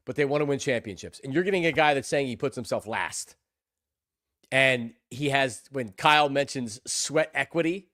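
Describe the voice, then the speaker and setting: A man hosting a sports talk show, excitable and rambling, often repeating his words. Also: medium pitch, no echo, clean studio sound.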